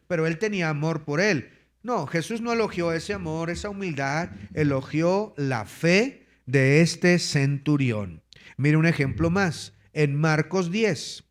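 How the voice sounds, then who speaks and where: Emphatic preacher, a man with a high-pitched voice. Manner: emphatic, addresses listeners as brothers; reads scripture aloud and comments on it. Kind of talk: sermon.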